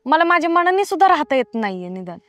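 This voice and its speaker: An actress playing a married lover who is fed up and ends the affair with curt, dismissive replies. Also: female voice, high-pitched, very animated, fast, fairly bright tone, dry recording. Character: fed-up married mistress, sharp-tongued. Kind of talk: comedy film acting.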